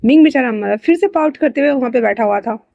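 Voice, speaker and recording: A woman's voice: sits high, lively intonation, quick pace, vocal fry, darkish tone, dry recording, lo-fi sound. A woman narrating a fan-fiction story in a chatty, colloquial way, dropping in English words.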